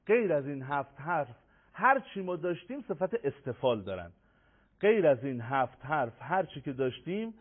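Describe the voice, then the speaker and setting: A man teaching Quran recitation rules, speaking patiently and repeating points while drawing out the name of each letter. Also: a little high. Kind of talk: recorded tajweed lesson. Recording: tinny phone-like audio.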